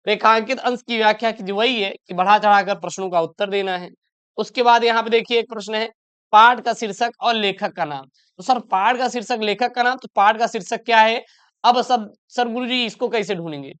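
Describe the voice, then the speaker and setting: A young male teacher giving an exam revision lesson, chatty and repeating key answers through quick questions to the class. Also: high-pitched, fairly bright tone, clean tone.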